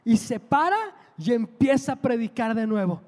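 A man preaching a sermon, telling a story with emphasis and building to loud passion. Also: very high voice, moderate pace, long reverb tail.

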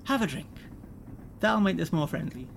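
A man's voice: fairly high pitch, expressive, normal speed, gravelly, a little hiss or hum. A man voicing a smug, slick corporate executive who talks in a breezy, condescending, amused way.

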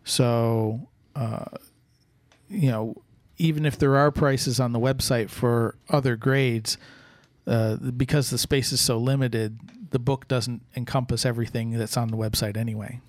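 A man explaining as a podcast expert, casual but measured and halting in the way he talks. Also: medium pitch, steady tone, dry recording.

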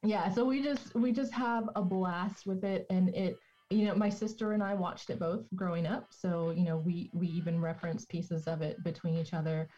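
Low, mellow-voiced woman chatting as a guest. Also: steady tone, normal speed, few pauses. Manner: chatty, laughing storyteller. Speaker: podcast guest. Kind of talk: casual conversation. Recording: dull lo-fi podcast audio.

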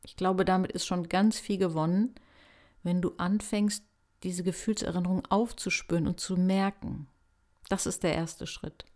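A woman hosting a self-help podcast, talking calmly and gently to the listener in a reflective, coaching manner. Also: on the low side, moderate pace. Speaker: podcast host.

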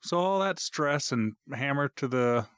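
A man's voice: mid-range voice, expressive, a little slow, a bit bright, clear, resonant tone, no echo, clean studio sound. A man in his thirties co-hosting a podcast, chatting casually in a rambling, jokey way that often interrupts itself. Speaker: podcast co-host. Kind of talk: casual chat. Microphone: podcast recorder.

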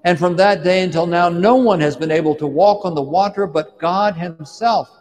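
A man preaches in the second person, walking the listener through a scripture story as if they were there. His voice sits a little high for a man. The sound rings with the long reverb of a large hall. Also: moderate pace, darkish tone. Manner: vivid second-person retelling, drawing the listener into the scene. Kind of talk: dramatic sermon storytelling.

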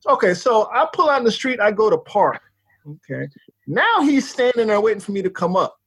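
A man with a high, husky voice tells a story in a loose, casual chat. His pitch leaps around as he acts out the people in it, and he swears freely between laughs. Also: a little fast. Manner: animated, acts out quotes with big pitch jumps, swears often.

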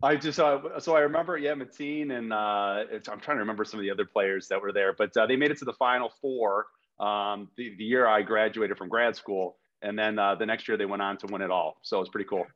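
A man's voice: fairly low pitch, brisk, fairly bright tone, dull audio. A man from Rochester, New York, chatting as an interview guest in a friendly, rambling way with lots of fillers. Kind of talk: casual interview chat.

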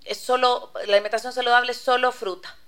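A woman's voice: a little high, steady tone, quick pace, a bit bright. Woman co-host; casual, chatty delivery with frequent fillers. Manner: chatty, many fillers and restarts. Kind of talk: casual radio talk.

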